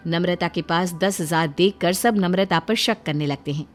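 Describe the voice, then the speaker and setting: A woman giving scripted narration of a family cartoon story in a plain, even telling voice. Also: fairly low pitch, moderate pace, faint music behind.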